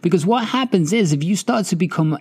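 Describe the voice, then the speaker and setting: Emphatic, higher-voiced male host. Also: lively intonation, fairly quick, darkish tone, slightly rough. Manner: emphatic and swinging, with casual swearing. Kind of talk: motivational commentary.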